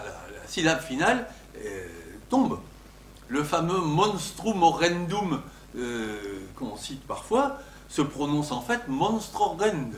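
An older man, a linguistics professor, giving an academic lecture, animated and emphatic on his example words, with frequent hesitations. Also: mid-range voice, a little hiss or hum. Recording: echoey lecture room.

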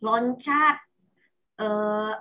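A woman's voice: on the high side, drawn-out words. A woman therapist explaining step by step to a parent, often acting out what a child would say. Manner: explains with acted child quotes, animated. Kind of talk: consulting conversation.

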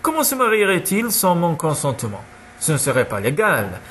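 A jovial, heavyset old father who brushes off every worry in a loose, lecturing tone, as a man reads him aloud. His pitch rises and falls freely and sits a little high. The delivery stays relaxed and offhand. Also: moderate pace, slight background noise. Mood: breezy lecturing. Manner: easygoing, lecturing, chuckling. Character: jovial stout elderly father, dismissive.

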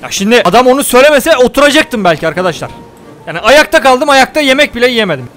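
Faint music plays behind a young gaming YouTuber whose very high, sing-song voice moves quickly. Playing a survival game, he jokes, describes what he's doing, and loudly exclaims and scolds the game.

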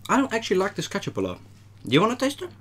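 A man's voice: high voice, huge pitch swings, very fast, fairly bright tone, slightly rough. A young man hosting a casual eating video in an attic, talking in a slangy, laid-back way between bites. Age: young adult. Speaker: host. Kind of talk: casual mukbang chat. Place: small warm attic room, indoors.

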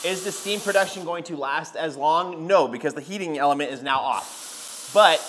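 A car detailing channel host in his thirties talks viewers through a product test in a casual review vlog, recorded on a lapel mic with slight background noise. His voice is on the high side and a bit bright, at normal speed, and he is chatty with frequent fillers. Scenes move between a garage workshop, outdoors by a van, and a home hallway.

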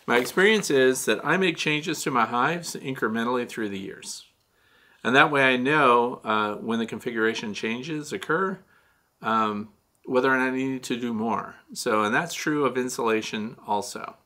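Speaking at a moderate pace in a pushed, bright, mid-range voice, a man in his sixties answers viewer questions on his beekeeping show. The talk is casual and explanatory, full of gestures and "uh" fillers, and it's filmed in a small, dimly lit studio with shelves.

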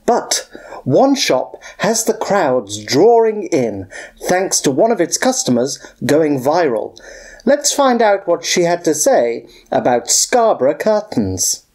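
Someone doing a lady parody news anchor, mock serious, very lively pitch, soft tone. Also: slow, full character voice. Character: woman local TV news anchor in a spoof bulletin. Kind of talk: mock local news bulletin presenting.

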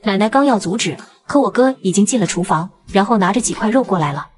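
Fast-paced woman narrator. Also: mid-range voice, animated, a little mellow. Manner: brisk and dramatic. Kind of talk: storybook cartoon narration.

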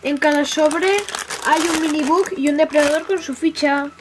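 A woman's voice: sits high, little pitch movement, moderate pace, background noise. A woman hosting a toy unboxing for children in an enthusiastic, sing-song manner. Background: music.

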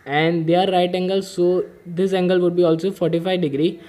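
Guy tutor walking thru a mechanics problem, high-ish voice, mellow tone, steady step by step. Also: a little fast. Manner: methodical, step-by-step explaining with filler "okay". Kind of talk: whiteboard-style problem-solving lesson.

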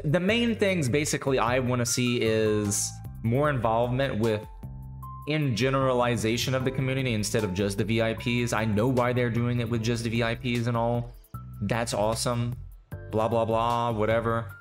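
A hungover man hosting a casual podcast chat, rambling and profane, slurring his words. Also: medium pitch. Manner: rambling, profane, restarts often. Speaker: podcast host.

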